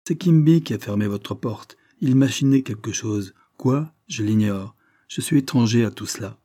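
Male reader doing a sly young farmhand, stubborn, dark and slightly raised. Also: mid-range voice, normal speed, lightly acted. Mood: insistent.

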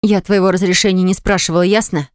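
A man's voice: high voice, level tone, fast, clean tone, dry recording, close to an everyday voice. A man reading an audiobook, voicing a defiant, indignant young pregnant woman in a raised, heated voice. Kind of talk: audiobook character voice. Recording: dry close studio recording.

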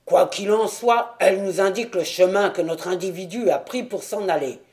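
A man's voice: sits high, normal speed, darkish tone. A man reading the part of a stout, self-assured police detective who speaks in an important, sour tone. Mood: triumphant.

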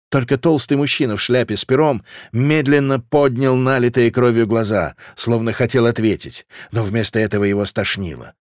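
A man narrating a fantasy audiobook in a measured, dramatic reading. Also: medium pitch, no room sound, clean studio sound.

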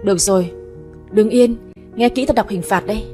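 A woman voicing a stern old grandmother who rules the family, speaking in a sharp, scolding tone. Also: mid-range voice, normal speed, soft background music, natural voice.

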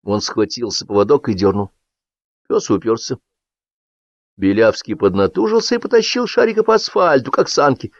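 A man narrating a satirical story in an expressive, lively reading. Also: medium pitch, moderate pace, no echo. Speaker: audiobook narrator. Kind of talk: scripted narration. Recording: dull dry audiobook recording.

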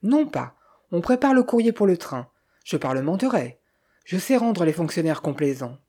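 A reader voicing a cheerful, pushy Italian man with a brisk, persuasive manner in an audiobook. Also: medium pitch, very animated, warm tone, breathy edge. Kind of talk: audiobook character voice.

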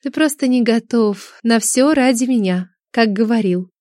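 A woman's voice: a little high, moderate pace, darkish tone, no room sound, clean studio sound, lightly acted. A woman reading an audiobook, voicing a haughty, mercenary young dragoness with an airy, scornful, dismissive manner. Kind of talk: audiobook character voice.

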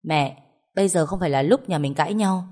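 A woman's voice: lowish voice, brisk, warm tone, close to an everyday voice. Woman voicing an anxious young wife. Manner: anxious, urgent questioning. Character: worried young married daughter, caring peacemaker.

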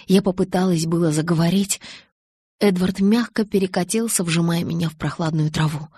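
A woman narrates a novel in the first person in a steady, measured reading. Her voice is low and husky with a gravelly texture. The recording is close and dry. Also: no room sound. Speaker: audiobook narrator.

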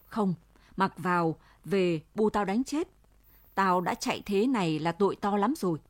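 A frightened young village man speaks in blunt, halting bursts, as a woman reader puts him on. His words come short and uneasy, recorded close in a dry space. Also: mid-range voice, lively intonation, no echo, lightly acted. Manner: scared, hesitant, rough familiar speech.

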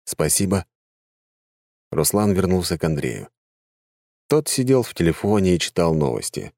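A male narrator with a very low, dark voice reads the story in an even, measured way. The sound is close and completely dry, with no room around it. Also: gravelly, no room sound. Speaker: audiobook narrator. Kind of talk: scripted narration.

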